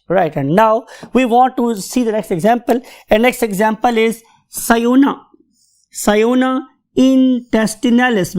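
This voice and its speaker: A woman's voice: fairly high pitch, darkish tone. A woman with a Pakistani accent teaching a biology lecture, switching between languages, asking her students questions and drilling pronunciation syllable by syllable. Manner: mixes Hindi-Urdu and English, drills pronunciation syllable by syllable; asks rhetorical questions to students. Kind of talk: classroom lecture.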